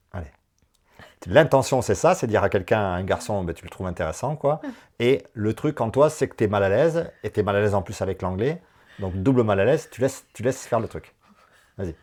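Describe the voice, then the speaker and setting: Husky guy coaching a client, low voice, upbeat and pushy in a friendly way. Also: normal speed, pauses often. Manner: animated, encouraging, talks in bursts. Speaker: enneagram coach. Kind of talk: coaching session.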